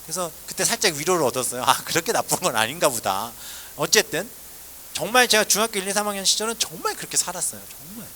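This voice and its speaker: A male pastor, likely in his forties and from South Korea, telling his own testimony in a sermon, swinging between loud exclaiming and hushed asides. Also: sits high, animated, quick pace, slight background noise.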